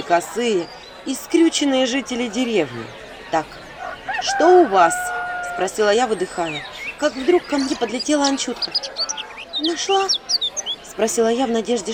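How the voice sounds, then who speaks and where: A woman narrating a story aloud in a lively, expressive way, acting out the quotes. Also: on the high side, moderate pace, noisy background. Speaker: audiobook narrator.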